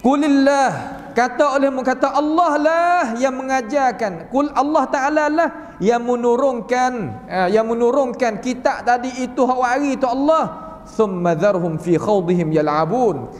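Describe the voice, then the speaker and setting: High-voiced Kelantan-Patani Malay religious teacher. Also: male voice, moderate pace. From southern Thailand (Patani). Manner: folksy, asks rhetorical questions, acts out quoted voices. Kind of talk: Quran commentary lesson. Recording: long reverb of a large hall.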